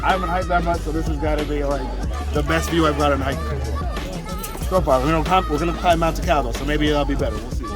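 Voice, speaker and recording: A man vlogging outdoors, talking fast in a loose, joking way full of fillers. His voice sits a little high. Loud background music plays under his voice. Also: over a noisy crowd. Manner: joking, chatty, filler-heavy. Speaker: travel vlogger. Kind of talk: casual on-camera chat. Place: outdoors on a mountain trail and city streets.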